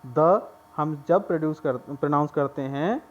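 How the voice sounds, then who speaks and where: A man's voice: on the high side, measured pace, lo-fi sound. A male teacher explaining a grammar lesson step by step and often checking that his students follow.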